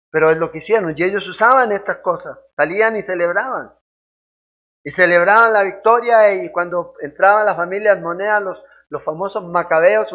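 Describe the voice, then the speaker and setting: A man teaching a Bible study as a pastor, lively and conversational, often checking that listeners follow. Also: fairly high pitch. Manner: keeps asking "¿ya?" to check understanding, lively and conversational. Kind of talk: sermon-style Bible teaching. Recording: tinny phone-like sound.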